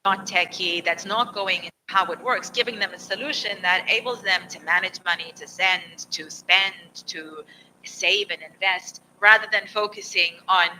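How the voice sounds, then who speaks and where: A man speaking on a panel discussion in a measured, explanatory way. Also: high voice, bright, forceful tone, distant mic, slight background noise, low-quality recording.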